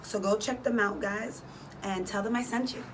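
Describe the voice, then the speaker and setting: A woman's voice: mid-range voice, steady tone, normal speed. A woman hosting a faith and fitness vlog, speaking informally and encouragingly straight to her listeners in a devotional style. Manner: informal and exhortative, direct address to listeners. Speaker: host of a faith and fitness challenge. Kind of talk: casual devotional vlog, prayer. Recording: clearly noisy background ambience.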